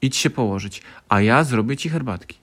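Guy putting on a soft worried fox mum, gentle and fussing. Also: mid-range voice, lively intonation, normal speed, voice pushed up. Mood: tender. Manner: tender, fussing. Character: loving mother fox, tender and concerned.

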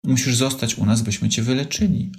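A man voicing a calm, kind female mouse doctor who reassures a sick child. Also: mid-range voice, fairly quick, vocal fry, voice pushed up, close to an everyday voice. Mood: reassuring. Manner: steady, reassuring.

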